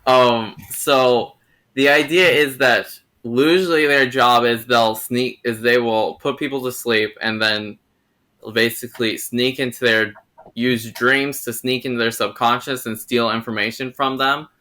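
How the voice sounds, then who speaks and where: A young man hosts a casual film review chat. He rambles and hedges, often restarting his sentences. His voice is bright and forward. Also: medium pitch, steady tone, unhurried. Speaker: host.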